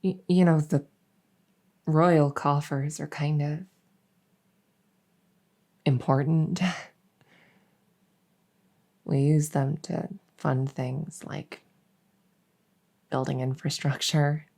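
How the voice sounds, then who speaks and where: A woman voices a young princess in an intimate audio drama, a girl tired of her duties who longs for freedom. Soft, breathy, and low for a woman, her voice keeps a steady tone as she talks slowly, hesitantly, and conversationally. The performance is heavily acted, with a hesitant, wry mood.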